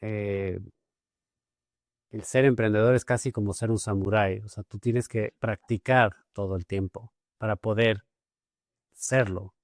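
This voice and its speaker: A man's voice: lowish voice, steady tone, measured pace, no echo, clean studio sound. A man hosting a podcast interview, talking thoughtfully with many hesitations and repeated words. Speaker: podcast host. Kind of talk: casual interview conversation.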